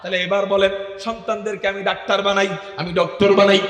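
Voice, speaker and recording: A high, bright-voiced man with a Bangladeshi Bengali accent delivers a fiery waz sermon, shouting rhetorical questions at his crowd and breaking into sung Arabic verses. His voice carries a tense, piercing edge. It rings through a PA with a long, roomy reverb. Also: level tone, brisk. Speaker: Islamic preacher. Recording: echoey PA sound with long reverb.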